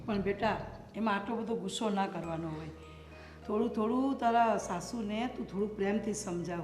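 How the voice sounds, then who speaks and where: A coaxing middle-aged mother, played by a woman, talks in a mid-range voice. The room is echoey with a long reverb, and clear music plays beneath her. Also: medium pitch, moderate pace, lightly acted. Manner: soothing, coaxing advice. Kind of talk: short-film family drama acting. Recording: echoey hall with loud music.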